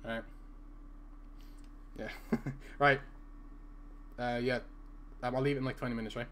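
Chatting casually while gaming on a live stream, a young Irishman reads viewers' messages aloud and stutters at times, all from a small room indoors. His voice is medium-pitched and fairly bright, with fairly even intonation and a slightly slow pace, over a little hiss or hum.

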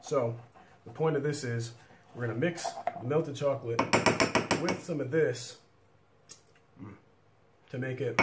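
A man's voice: medium pitch, heavy background noise. A man in his thirties hosting a casual home cooking video, talking loosely and swearing now and then while he works at a desk in a small room. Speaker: cooking vlog host.

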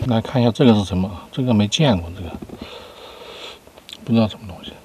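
A man's voice: fairly low pitch, fast talker, mellow, highs cut off, slight background noise. A man in his thirties chatting casually to camera between bites while eating inside a car. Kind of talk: casual mukbang chat.

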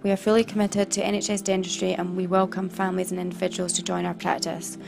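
A woman's voice: on the low side, level tone, fast, creaky, music in the background. A woman reading a clinic advert script, working through long lists and stumbling over a few words. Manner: reads a list-heavy script with small stumbles. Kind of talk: read-out advert.

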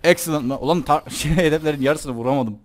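A man's voice: a little high, fast, soft background music. A man giving casual, joking let's-play commentary, chatting and teasing the game characters as he plays. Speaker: gameplay commentator.

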